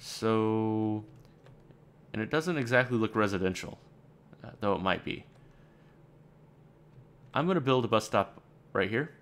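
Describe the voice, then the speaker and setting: Here a fairly low-voiced man narrates his game session in an easygoing let's-play style. His thinking-aloud wanders, punctuated by dry sarcasm, and he keeps a measured pace with frequent pauses.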